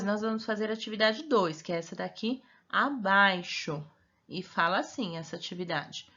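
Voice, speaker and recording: A woman teaching a remote primary school class, speaking slowly and patiently and stretching out syllables. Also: on the high side, sharp tone. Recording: dull lo-fi audio.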